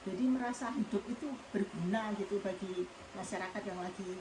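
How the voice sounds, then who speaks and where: A woman's voice: mid-range voice, fairly quick. A woman in her sixties giving an earnest, devout personal testimony about her volunteer work, in a home visit. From Indonesia. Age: 60s. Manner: earnest, emotional and devout storytelling. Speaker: hospital patient-escort volunteer. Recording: roomy with loud background noise.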